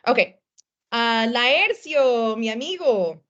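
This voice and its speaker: A woman's voice: a little high, expressive, slow pace, a bit bright. A woman hosting a video call, upbeat and casual, mixing in Spanish words as she calls on people. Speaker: host. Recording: dull video call audio.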